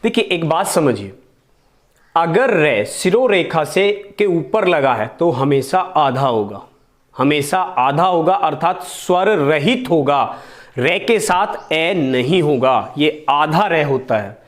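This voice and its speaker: Higher-pitched man teaching, repeating himself. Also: animated. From India. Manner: explains slowly, repeats key words, asks and answers his own questions. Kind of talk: Hindi grammar lesson.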